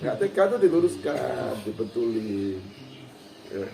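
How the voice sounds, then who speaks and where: A man teaching Quran recitation in a relaxed, folksy way, now and then acting out short quotes. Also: mid-range voice, unhurried, gravelly. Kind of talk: informal religious lesson. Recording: roomy hall with faint background noise.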